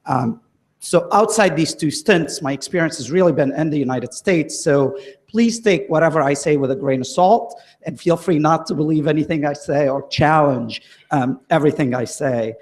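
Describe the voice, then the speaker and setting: A man's voice: a little high, normal speed. A man giving a conference closing talk, with many ums and uhs. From Lebanon. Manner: hesitant, frequent ums and uhs. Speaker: conference speaker.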